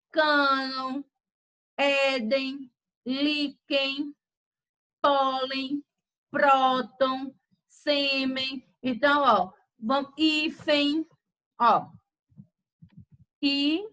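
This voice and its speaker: A woman teacher, slowly dictating words in a grammar lesson. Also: sits high, fairly even intonation, a bit bright, low-quality recording. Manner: slow, deliberate word-by-word dictation.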